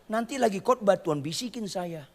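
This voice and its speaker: A man preaching a sermon, swinging from quiet asides to shouted lines and teasing the congregation in casual slang. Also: high voice, lively intonation, a little fast, big-room sound. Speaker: pastor.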